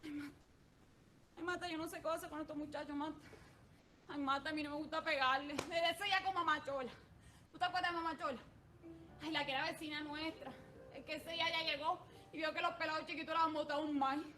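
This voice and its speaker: A woman's voice: sits high, steady tone, fast talker, long pauses. A woman playing a poor washerwoman mother who talks in a chatty, storytelling way. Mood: sorrowful. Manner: chatty, storytelling, soft-spoken. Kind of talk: stage drama.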